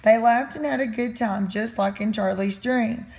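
Female storyteller, children's book read-aloud, expressive, higher voice. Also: creaky. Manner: expressive, slows on key phrases. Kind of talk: storybook reading.

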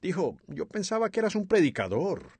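A man reads a sermon dub with a lively, expressive delivery. His pitch moves a lot, and the voice is a bit breathy. The sound is dry and close. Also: fairly quick, dry recording. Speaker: sermon interpreter. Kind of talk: dubbed voice-over of a sermon.

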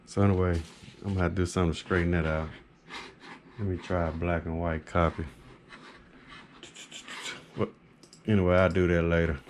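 In a small carpeted home office, an HVAC technician who hosts videos talks into a handheld camera, loosely rambling through a product update in a matter-of-fact way. His low voice is flat and moderately paced, broken by long pauses, with light background noise behind it.

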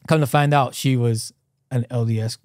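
On a boom-mounted podcast mic close up, in a small dim studio with a couch, a man from Hawaii in his thirties shares his story as a guest. He speaks at normal speed with a medium-pitched voice and no room sound, loose and animated, gesturing and saying "like" a lot.

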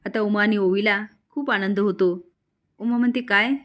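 A woman tells the events of a drama serial in the plain, steady manner of a storyteller. She keeps an even, matter-of-fact tone throughout, at an average pitch. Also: moderate pace. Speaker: narrator of a serial recap. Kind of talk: storytelling recap narration.

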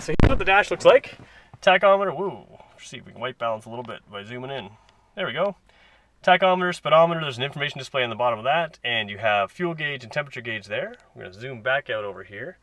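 A man's voice: medium pitch, lively intonation, fast, pushed and bright, poor audio. A Canadian man showing a car in a casual, chatty walkaround, recorded on a handheld camera outdoors and inside the car. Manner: casual, chatty, thinking aloud while filming. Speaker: car dealership salesman. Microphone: handheld camera mic.

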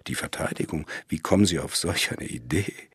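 A man's voice: a bass voice, expressive, moderate pace, breathy edge, no echo, clean studio sound, exaggerated voice. A man reading an audiobook, voicing a nervous, evasive male lawyer who hesitates. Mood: guarded.

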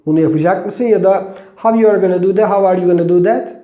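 High-voiced man teaching English slowly. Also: dark tone, roomy sound. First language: Turkish. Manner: slow, deliberate, spells out example sentences word by word. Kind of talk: online grammar lesson.

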